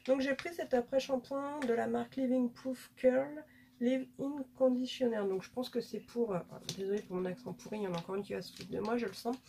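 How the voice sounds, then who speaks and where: A woman's voice: fairly high pitch, steady tone, quick pace, gravelly, few pauses, warm tone, slight background noise. A woman chatting casually as a beauty vlogger showing off her haul, hesitating often with fillers. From France.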